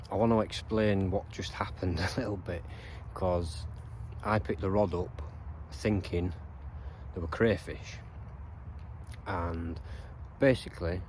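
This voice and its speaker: A man, calmly narrating his own fishing session on a riverbank. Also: slight background noise. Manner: calm and low-key, explaining his fishing spot. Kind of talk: casual outdoor vlog narration. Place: outdoors on a riverbank.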